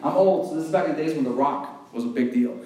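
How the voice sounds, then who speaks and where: A lively man in his thirties with a high voice tells a comic story to a big crowd. He is animated, jumps into loud acted quotes and chuckles along. His voice rings around a roomy hall. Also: fast talker. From Cuban family, raised in the US. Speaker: youth event speaker. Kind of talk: comedic storytelling to a live crowd.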